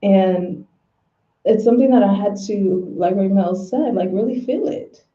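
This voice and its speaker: A woman with an unhurried, mellow, mid-range voice talks casually about spiritual things, openly sharing personal stories sprinkled with slang. The recording sounds roomy and dull, with a lo-fi quality.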